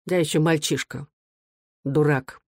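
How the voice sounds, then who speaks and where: A narrator voicing a proud young working-class son in a low, muttering voice. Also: fairly even intonation, measured pace, no echo, clean studio sound. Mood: remorseful. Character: young male revolutionary son, proud then remorseful. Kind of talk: audiobook character reading.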